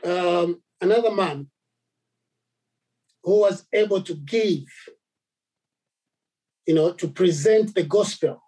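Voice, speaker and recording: Halting Zambian man preaching. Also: high voice, warm tone, husky, poor audio. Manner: halting, many repeated words and fillers. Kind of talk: sermon.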